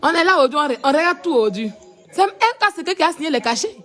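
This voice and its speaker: Casting note: high-pitched woman, live-stream commentator, teasing and repetitive. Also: expressive, very fast, soft background music. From Ivory Coast. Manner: mocking, repetitive, laughing. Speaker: social media commentator.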